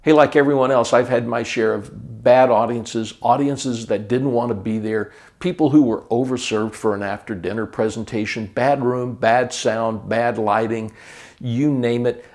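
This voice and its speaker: Male speaker, mid-pitched, plain steady anecdote to camera. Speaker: professional speaker. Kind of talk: story told to camera.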